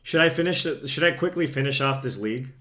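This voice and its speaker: A man's voice: mid-range voice, animated, fast, bright, forceful tone. A young man chats casually to his viewers while live-streaming a card game from a room at home. He is a little sick and his voice is starting to go. His talk is loose, self-deprecating and aimed straight at his chat. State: slightly sick, losing voice.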